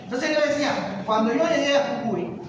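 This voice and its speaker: A man's voice: very high voice, moderate pace, distant mic. A man from Cuba, a teacher giving a classroom lecture, speaking emphatically and firing off rhetorical questions. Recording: very echoey classroom from afar with background noise.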